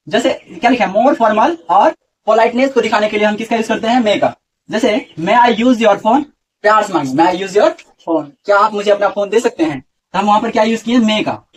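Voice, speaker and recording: A man's voice: sits high, breathy edge, far from the mic. A man teaching a grammar lesson to a class, often asking questions and repeating the answers.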